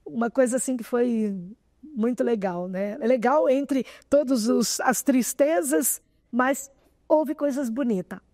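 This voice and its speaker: A woman's voice: fairly high pitch, unhurried, no echo. Older woman telling an emotional story. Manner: animated, often close to tears. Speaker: interview guest, association president.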